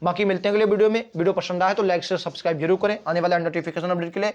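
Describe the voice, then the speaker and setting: Guy drilling hindi spellings for an exam, kinda high voice, dull lo-fi sound. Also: steady tone, rapid-fire. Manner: repetitive, drills spellings with "theek hai". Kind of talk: online exam-prep lesson. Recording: dull lo-fi recording.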